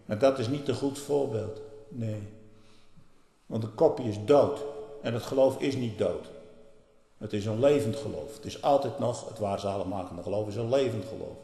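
A man preaching a fiery sermon, dropping to low murmurs and then bursting out loudly. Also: moderate pace. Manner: fiery, swings from low murmurs to loud outbursts. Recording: echoey hall, reverberant.

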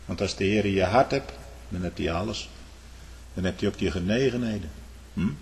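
A male preacher delivers a sermon in a large church hall, his voice carrying on a long reverb. He surges into loud, high-pitched exclamations and then sinks to hushed, low remarks. He turns to his listeners with a questioning "hm?" and speaks directly to the young people in the pews. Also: moderate pace. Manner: swings between loud high outbursts and low quiet asides; tags lines with a questioning "hm?".

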